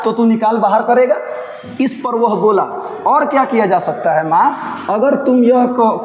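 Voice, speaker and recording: High-voiced man teaching in echoey room. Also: dull audio, a little hiss or hum. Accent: Bhojpuri. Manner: switches between reading and dialect asides. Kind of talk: explaining a story to students.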